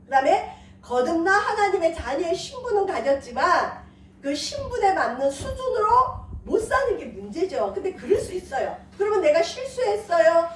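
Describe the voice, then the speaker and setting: High, lively woman pastor preaching. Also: normal speed. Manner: lively storytelling with laughter. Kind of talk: sermon. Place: church sanctuary. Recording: echoey church hall, from far off.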